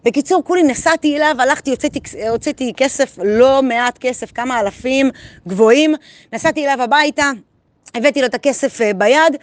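A woman's voice: sits high, dry recording. A woman telling a personal story to her viewers in a frank, conversational way, full of filler words. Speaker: vlogger sharing a daily lesson. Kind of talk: candid personal storytelling to camera.

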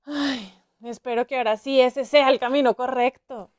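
A man voicing a spirited young princess who talks in a lively, teasing way. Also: extremely high pitch, moderate pace, pitched above the performer's own voice. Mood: eager.

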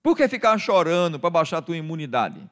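Brazilian pastor man preaching, fairly high voice. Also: big pitch swings, a little fast. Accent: Brazilian Portuguese. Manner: addresses the congregation as "querido" constantly, swings from quiet to loud. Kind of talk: sermon.

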